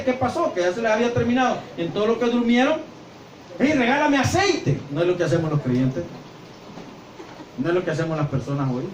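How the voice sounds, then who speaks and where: An older man preaching a sermon as pastor, animated, acting out voices and gestures as he tells the story. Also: high voice. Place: church hall. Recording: echoey church sound from far off with faint noise.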